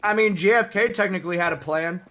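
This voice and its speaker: A man's voice: sits high, quick pace, bright, forceful tone. A man chatting and joking with friends during a game, often laughing mid-sentence. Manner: jokey, laughs while talking. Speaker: gamer playing with friends. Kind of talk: casual game chat.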